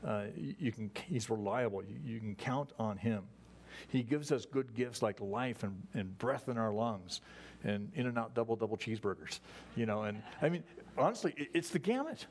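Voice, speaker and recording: A man's voice: on the low side, expressive, normal speed, a little hiss or hum. A man preaching a sermon to his congregation in a folksy, conversational way, often restarting his sentences. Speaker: pastor. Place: church service.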